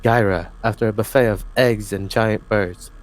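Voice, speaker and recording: A young man narrates fan fiction for a group reading from his home mic on a voice call. His voice is fairly low and his delivery stays steady. He stumbles now and then and corrects himself. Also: normal speed. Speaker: host and narrator.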